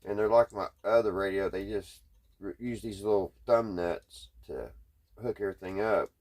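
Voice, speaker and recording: Working through a repair, a radio restoration vlogger with a Southern US accent offers folksy, hesitant commentary, reasoning aloud along the way. His fairly low, somewhat mellow voice keeps a moderate pace.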